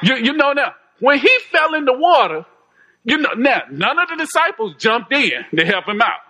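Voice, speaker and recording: High, bright-voiced preacher man. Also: very animated, moderate pace, poor audio. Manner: conversational, folksy, repeats phrases, chuckles. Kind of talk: informal sermon.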